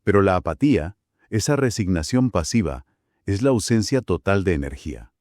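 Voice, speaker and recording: A man from Spain co-hosting a Bible study podcast, explaining in a measured way. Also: low-pitched, animated, darkish tone, no room sound, studio quality. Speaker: podcast co-host.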